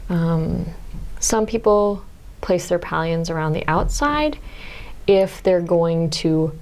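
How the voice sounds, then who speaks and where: Low, gravelly Midwestern woman teaching. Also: expressive, takes it slowly, a little mellow. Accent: Midwestern American. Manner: friendly, explanatory, drops to near-whisper while concentrating. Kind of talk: step-by-step craft demonstration.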